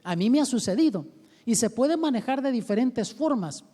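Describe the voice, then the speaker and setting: A man's voice: very high-pitched, moderate pace, long reverb tail. A man, a pastor, teaching a seminar and animatedly asking the audience questions. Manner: animated, acts out quoted voices, asks the audience questions.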